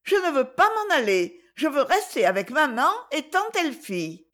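A woman's voice: high-pitched, big pitch swings, measured pace, a bit bright, pitched above the performer's own voice, full character voice. A woman reader voicing an eager, pleading small boy in a storybook.

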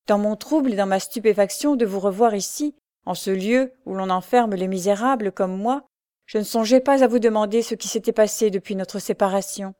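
A woman's voice: medium pitch, fairly quick, mellow, no room sound, studio quality, lightly acted. A woman reading the part of a repentant young woman prisoner who speaks fervently and earnestly. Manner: fervent, pleading.

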